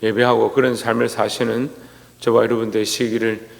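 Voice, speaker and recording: A man's voice: medium pitch, level tone, moderate pace, creaky, in a large hall. A man, a pastor, giving an early-morning sermon, reading scripture aloud and acting out the complaints of churchgoers. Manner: preaching, reads scripture, acts out quoted complaints.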